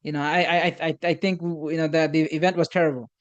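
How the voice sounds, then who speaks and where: Man, slightly high voice, halting lecture, lots of restarts and fillers, religious phrases, acts out dialogue. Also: level tone, dull audio. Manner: halting, many repeated starts and fillers; uses Islamic religious phrases and Arabic quotes. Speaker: instructor on communication. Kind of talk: informal workshop lecture.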